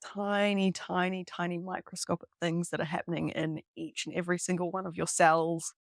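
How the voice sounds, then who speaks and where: This is a chatty young New Zealand woman, a hiking guide guesting on a podcast, talking casually from a hostel room. Her lowish voice is gravelly and flat, at a moderate pace, and the close, dry recording has no echo. Filler words like "um" and "like" come often, and she laughs easily.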